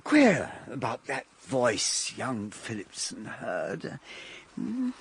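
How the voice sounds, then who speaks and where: Slow raspy sceptical gent, voice swings up and down a lot, old radio play. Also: male voice, medium pitch, huge pitch swings, full character voice. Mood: doubtful. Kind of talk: 1920s radio drama acting.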